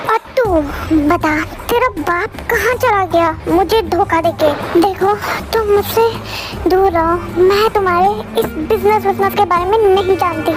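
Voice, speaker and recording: A young woman voicing a sneering, threatening male villain, over loud music. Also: extremely high pitch, poor audio.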